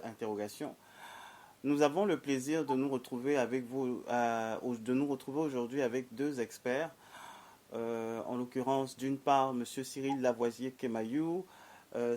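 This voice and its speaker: A male interview host with a measured, formal delivery. He pauses and hesitates often as he introduces his guests and sets out the topic. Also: medium pitch, darkish tone.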